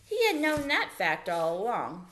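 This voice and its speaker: A woman teacher reading a children's chapter book aloud to young students, with a lively voice that rises and falls a good deal. She pauses the story to explain words in a patient, explanatory way. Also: on the high side, a little hiss or hum. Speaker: elementary school teacher.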